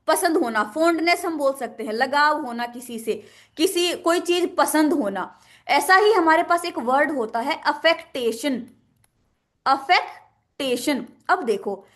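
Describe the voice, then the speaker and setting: A woman's voice: very high voice, a bit bright. A woman teaching English vocabulary, asking questions and answering them herself, repeating each word. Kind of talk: explaining in a lesson with memory tricks.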